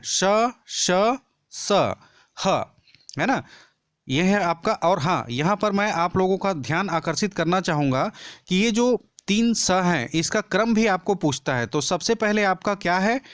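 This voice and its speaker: A man teaching an exam-prep lesson, explaining step by step, checking in often and repeating key terms slowly for emphasis. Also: high-pitched, clean tone, no echo, studio quality. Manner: explains step by step with frequent "ठीक है" check-ins.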